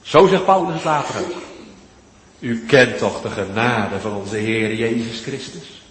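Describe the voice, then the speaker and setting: A man preaching a sermon, swinging between loud, pleading appeals and hushed, almost whispered lines. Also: on the low side, a little slow, slight background noise. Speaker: pastor. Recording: echoey church hall, long reverb.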